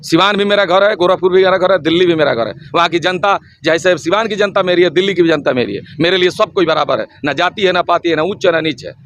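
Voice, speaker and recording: A man speaks in a notably high voice during a heated campaign interview. He is forceful and rhetorical, circling back to the same slogans with rising insistence. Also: fast talker, few pauses. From Siwan district, Bihar, India. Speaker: local election candidate.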